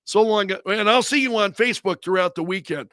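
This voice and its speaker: A man with a fairly high voice hosts a relaxed livestream, chatting loosely to his viewers. He rambles, restarts his sentences and drifts into asides. The sound is close and dry, with no room around it. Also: a little fast, dry recording. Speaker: radio host and brand manager. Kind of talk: casual livestream chat.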